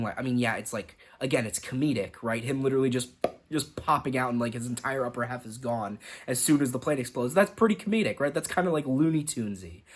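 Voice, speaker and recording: A young man with a husky, mid-range voice reviews a movie casually as a film reviewer. He rambles, saying "like" a lot and often restarting his sentences.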